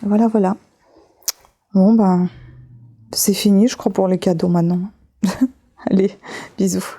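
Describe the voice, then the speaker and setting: A woman's voice: mid-range voice, fairly even intonation, a little slow, warm tone. A woman vlogging casually as she unboxes a gift, chatting to viewers with many fillers and restarts. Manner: talks straight to viewers while handling an object. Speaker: beauty vlogger.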